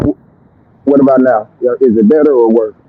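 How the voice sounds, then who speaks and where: A man's voice: mid-range voice, moderate pace, no echo. A man calling into a casual podcast from home over Bluetooth earbuds, his voice warbling and cutting out as the internet drops. He talks loose and slangy and swears freely. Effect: warbly, dropping internet call audio. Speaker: remote call-in panelist. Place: remote home setup in Texas. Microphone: Bluetooth earbuds on a call. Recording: tinny phone-like call line.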